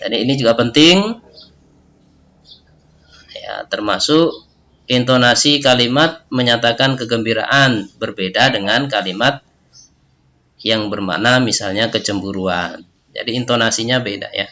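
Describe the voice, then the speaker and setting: A man's voice: mid-range voice, unhurried, pauses often, sharp tone. A male teacher giving a recorded lesson, explaining step by step and tagging his sentences with a questioning "ya". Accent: Indonesian.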